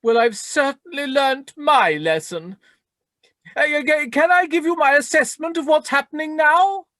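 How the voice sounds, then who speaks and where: A high, dry-recorded voice, a woman acting a long-suffering comic professor. The delivery is pedantic and weary, with deferential stammering. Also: measured pace, a bit bright, no room sound. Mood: hesitant.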